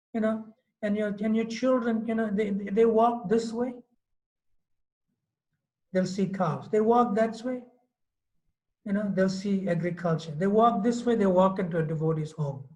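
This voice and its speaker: A man's voice: high voice, a little mellow, poor audio. A man nearing sixty giving a devotional lecture in a loose, conversational way, often saying "you know". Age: 50s. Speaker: swami giving a class. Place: Mauritius.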